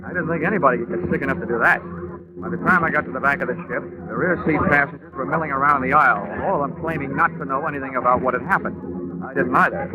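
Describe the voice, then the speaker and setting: A man's voice: mid-range voice, quick pace, a loud crowd, close to an everyday voice. A man playing a dry, wisecracking insurance investigator who narrates, in 1950s radio detective style. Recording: muffled old radio recording with music.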